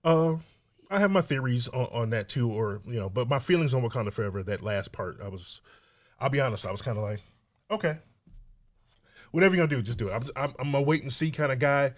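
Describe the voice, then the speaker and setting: A man from Chicago, a podcast guest chatting casually, laughing often and trailing off quietly. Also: medium pitch, lively intonation, fast talker. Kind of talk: casual chat.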